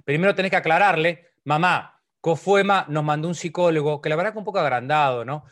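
Middle-aged Uruguayan psychologist, male, slightly high voice, playful talk that swings from loud mock complaints to hushed calm. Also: brisk. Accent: Uruguayan Spanish. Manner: playful, puts on complaining voices, rises loud and high then drops to near a whisper. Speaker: psychologist giving an online talk. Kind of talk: motivational talk with humor.

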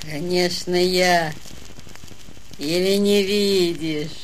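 A woman's voice: fairly low pitch, steady tone, drawn-out words, slight background noise, poor audio. A woman playing a vain, naive young tsar's daughter in a fairy-tale audio drama, languid and self-admiring. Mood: haughty, coy.

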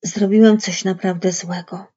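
A woman's voice: medium pitch, steady tone, normal speed, warm tone, slightly rough, lightly acted. Woman putting on a frightened childlike giant. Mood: subdued. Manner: pleading, childlike, panicky. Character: big simple-minded gentle man, frightened. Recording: dull lo-fi recording.

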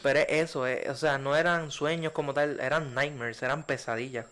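A young man, co-hosting a casual podcast chat and telling stories in a loose, slangy way. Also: medium pitch. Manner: slangy storytelling, drawn-out and animated when telling a scary dream. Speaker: podcast co-host.

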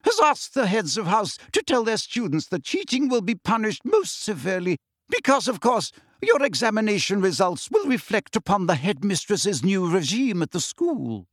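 A man's voice: high-pitched, very animated, normal speed, fairly bright tone, no echo, clean studio sound, voice pushed up, full character voice. A man voicing a strict, severe older female professor who speaks in a clipped, formal way. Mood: stern.

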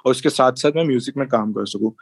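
A man's voice: mid-range voice, racing, creaky, slightly rough, no echo, clean studio sound. A man in his twenties with a North Indian accent, chatting casually as an interview guest and switching between English and Hindi. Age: 20s. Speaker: interview guest, music producer and sound engineer.

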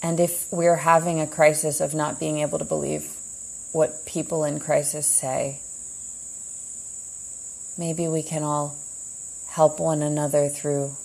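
Slow gravelly woman musing aloud. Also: sits low, little pitch movement, a little mellow, low-quality recording. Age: adult, heard as a child in the 80s. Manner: meandering, introspective, slow with long pauses. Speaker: podcast host. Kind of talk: slow reflective monologue.

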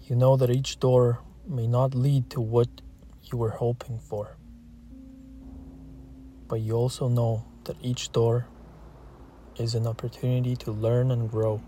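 A slow guided meditation is read from a script by a man whose voice is mellow, relaxed and mid-pitched. He keeps a steady, soothing tone with very little rise or fall, letting long unhurried pauses fall between short phrases, while a little hiss or hum sits in the recording.

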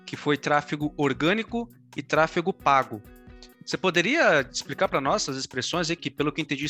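A Brazilian man hosts a podcast interview in a bright, forceful voice pitched a little high. His delivery is enthusiastic and emphatic, with music playing faintly behind him. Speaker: podcast host.

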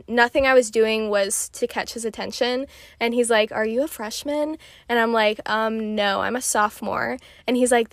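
A young woman in her twenties chats through her stories in a casual, rambling way, leaning on "like" at every turn. Her voice sits a little high. The recording is dry and close, with no room sound. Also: a bit bright, no room sound. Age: 20s. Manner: chatty, filler-heavy with frequent "like". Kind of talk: casual storytelling.

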